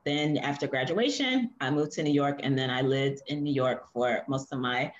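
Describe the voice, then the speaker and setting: A woman's voice: very deep voice, moderate pace, slight background noise. A young adult woman from Philadelphia talking casually as an interview guest, chatty and full of "like" and "um". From Philadelphia, USA. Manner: chatty, lots of "like" and "um". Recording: echoey room, dull lo-fi sound.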